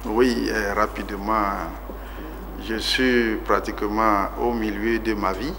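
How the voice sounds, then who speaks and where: Against a noisy background, a Togolese politician in his forties is interviewed on TV about his life. His fairly low voice is slow and flat in delivery, yet he speaks earnestly, using plenty of fillers and building to moments of rising emphasis.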